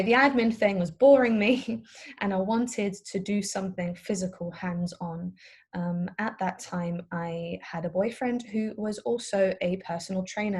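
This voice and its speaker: Here the same kind of talk comes from a Dutch-born woman of about thirty, a personal trainer running her own business, chatting and explaining her career informally to young listeners. She speaks in a mid-range voice that is somewhat mellow with a breathy edge.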